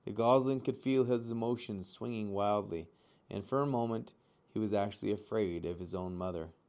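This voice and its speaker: Gravelly man reading a storybook. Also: lowish voice, moderate pace. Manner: expressive, talks to listeners directly. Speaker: audiobook reader. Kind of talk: storybook read-aloud with asides.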